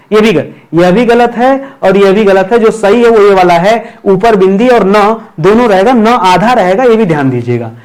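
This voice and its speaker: A man teaching an exam-prep video lesson, repeating each word, asking himself questions and checking in with viewers. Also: high-pitched. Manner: repeats words and asks himself rhetorical questions; keeps addressing viewers as friends. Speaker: Hindi grammar teacher.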